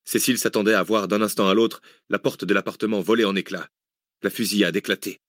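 A man narrating an audiobook in a steady storytelling voice. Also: on the low side, quick pace, dry recording, studio quality. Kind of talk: scripted narration.

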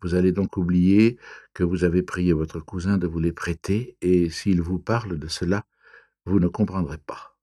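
A calm, self-assured doctor issuing orders to a sleeper, read by a man. His voice is very low, dark and husky, recorded dry and close. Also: moderate pace, dry recording. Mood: commanding.

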